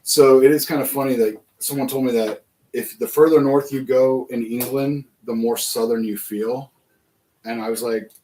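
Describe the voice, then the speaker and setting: A man's voice: medium pitch, a little mellow, poor audio. An American man hosting a livestream, chatting casually and rambling through rhetorical questions while he builds. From United States. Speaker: livestream host building toy bricks.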